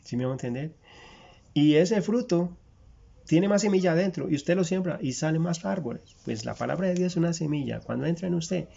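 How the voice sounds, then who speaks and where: Gravelly preacher, folksy and direct. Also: male voice, fairly high pitch, warm tone. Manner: folksy, asks listeners rhetorical questions, builds long repeated lists. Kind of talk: conversational sermon. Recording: dull lo-fi recording.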